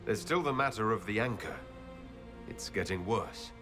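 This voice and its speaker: An actor playing a resolute, commanding human male leader in a dramatic video game cutscene, speaking in a measured, firm way. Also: lowish voice, animated, close to an everyday voice. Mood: grave, determined. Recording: loud orchestral music behind.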